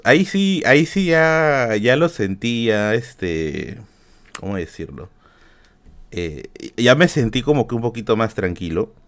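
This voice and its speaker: A man with a Peruvian Spanish accent telling a story in a casual, comic way, swearing freely and dropping in fillers and tag questions. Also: medium pitch. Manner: animated, profane, many fillers and tag questions. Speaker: podcast host.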